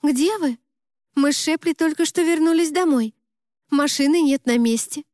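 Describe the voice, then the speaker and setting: Young female best friend, shrill and outraged, read by a woman, high-pitched, dry close sound. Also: normal speed, darkish tone, no echo, lightly acted. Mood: surprised. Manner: indignant, shrieking reproaches.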